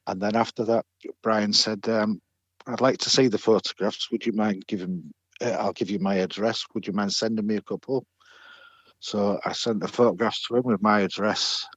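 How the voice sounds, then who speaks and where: A middle-aged man, a guest on a podcast, tells a personal story in a casual interview, chatty and hesitant with lots of fillers and restarts. His voice is fairly low and fairly even, at normal speed, with no room sound.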